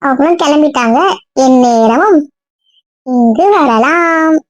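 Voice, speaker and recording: A woman's voice: high voice, slow, no echo. A woman playing a chatty, kindly elder sister. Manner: chatty, affectionate. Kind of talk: hobby audio drama. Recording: dull dry lo-fi sound.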